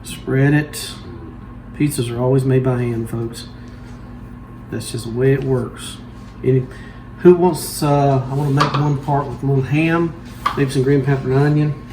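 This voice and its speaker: Unhurried and folksy, a medium-pitched man talks listeners through cooking instructions the way a home cooking host would. A clear wash of background noise accompanies his voice.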